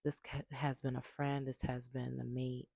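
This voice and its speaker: A woman's voice: rumbling low, flat delivery, moderate pace, vocal fry, mellow, dry recording, clean studio sound. A woman in a personal vlog about healing and boundaries, talking emphatically, swearing freely and repeating her points with rising heat. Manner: emphatic, swears freely, builds to heated repetition. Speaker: vlogger.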